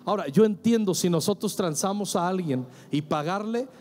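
Here a man with a high-sitting, somewhat mellow voice preaches as a pastor at a moderate pace. Before a church congregation, he speaks with emphasis, performs quoted exchanges, and urges listeners to answer back.

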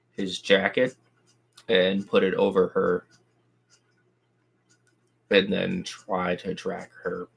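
A man playing a tabletop game, slowly describing what his character does. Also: low-pitched, creaky. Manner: slow, halting narration of actions. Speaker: player.

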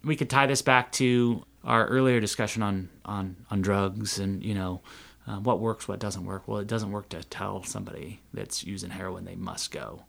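Deep gravelly guy on a podcast, jokey, sarcastic, talks loose and fast. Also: steady tone, a bit bright. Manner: chatty, sarcastic, laughs at own jokes. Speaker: city council candidate. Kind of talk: podcast interview, casual.

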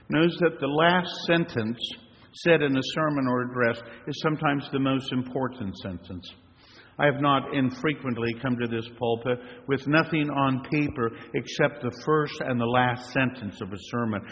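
Older male pastor, measured sermon delivery building to emphatic peaks, long church reverb, dull lo-fi sound. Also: medium pitch. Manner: measured, rising to emphatic flourishes.

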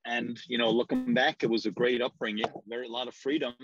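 A fast-talking man in his forties with an Irish accent, a real estate agent and guest, responds to an interview in a steady, medium-pitched voice. His answers ramble and falter with many ums, captured in dull lo-fi sound.

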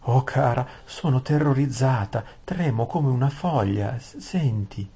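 A man's voice: medium pitch, lively intonation, measured pace, warm tone, slightly rough, pitched above the performer's own voice, heavily acted. A man voicing a whiny, easily frightened young noblewoman who whimpers tearfully.

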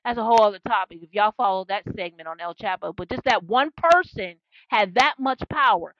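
A woman's voice: mid-range voice, animated, a little fast, no room sound, highs cut off. A woman who calls herself a prophetess, preaching with fervent, repetitive energy and call-and-response asides. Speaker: self-described prophetess. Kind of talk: impassioned preaching monologue.

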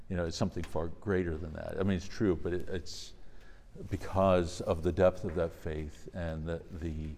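Man, low voice, priest, reflective religious lecture and prayer, long cathedral-like echo. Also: warm tone. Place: large reverberant indoor room. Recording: echoey hall with long reverb.

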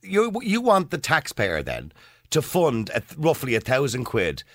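A man's voice: medium pitch, wildly swooping pitch, measured pace, fairly bright tone, dry recording, studio quality. A man with an Irish accent hosting a radio phone-in debate, challenging the caller and cutting in. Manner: challenging, interrupts.

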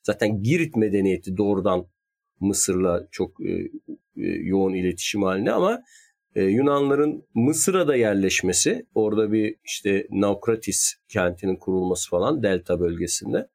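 Man, lowish voice, casual explainer; thoughtful, hedges a lot. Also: normal speed, gravelly, darkish tone. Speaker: history conversation partner. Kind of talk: casual chat.

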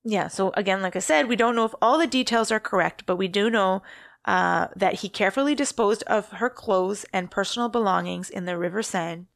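A woman's voice: mid-range voice, a little fast, vocal fry, a bit bright, dry recording, studio quality. A woman co-hosting a podcast, casually recounting a true-crime story and often correcting herself mid-sentence. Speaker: podcast co-host.

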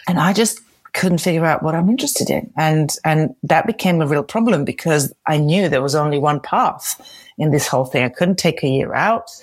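Middle-aged woman, deep voice, dry, rambling interview guest. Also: normal speed, breathy edge, dry recording. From Croatia. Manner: chatty and rambling, with restarts and laughs. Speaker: guest, hair and makeup designer. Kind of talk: casual interview storytelling.

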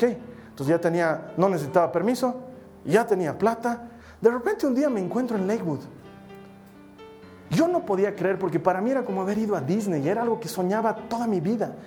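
A man's voice: sits high, warm tone. A middle-aged Bolivian man preaches, speaking Spanish with a Bolivian accent. He tells a personal testimony in a storytelling way and briefly acts out the people he quotes.

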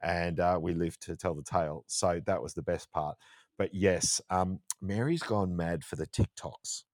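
A man's voice: low voice, measured pace, darkish tone, no room sound, clean studio sound. A man with an Australian accent, co-hosting a podcast and telling a travel story in a chatty, jokey way. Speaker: podcast co-host. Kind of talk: casual chat.

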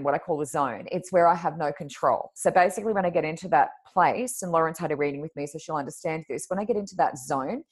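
An Australian woman who co-hosts a podcast and reads cards chats casually in a relaxed, unhurried way. Her naturally deep voice sits very low, and her loose, conversational speech is dotted with little pauses and fillers as she thinks aloud.

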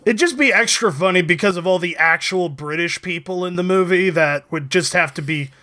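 A man's voice: high voice, fairly quick, pushed and bright. A man co-hosting a podcast in casual chat, trading dry, nerdy quips. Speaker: podcast co-host.

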